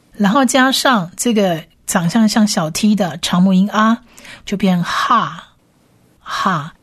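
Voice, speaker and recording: A woman leads a careful language lesson, pronouncing each sound and repeating it several times. She talks at a very unhurried pace in a mid-range voice. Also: mid-range voice. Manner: patient, drawn-out repetition of sounds. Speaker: Hebrew teacher. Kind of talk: slow language lesson, spelling out and repeating words.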